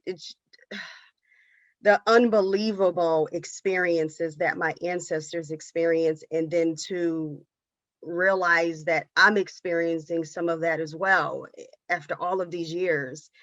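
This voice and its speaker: A woman's voice: fairly low pitch, fairly even intonation, measured pace, fairly bright tone, no room sound, muffled recording. A woman clinician speaking on a video-call panel, candid and openly emotional. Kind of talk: panel discussion.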